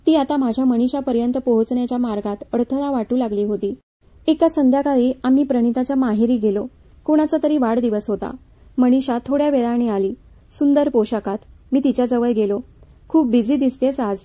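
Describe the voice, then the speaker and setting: A woman narrating a dramatic story in a measured, even storytelling manner. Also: on the high side.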